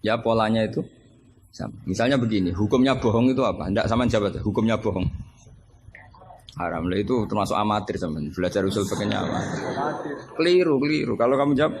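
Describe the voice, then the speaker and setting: A man with a Javanese accent teaching Islamic law to students in a relaxed religious lecture, telling jokes and stories in an animated way. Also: fairly low pitch, fast. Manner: joking, animated storytelling with laughter. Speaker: Islamic scholar teaching fiqh. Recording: noisy live recording with ambience.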